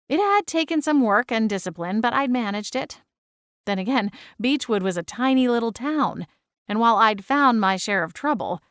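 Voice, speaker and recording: A woman's voice: fairly high pitch, a bit bright, dry recording. A woman reading a scripted first-person story as an audiobook narrator on a close microphone.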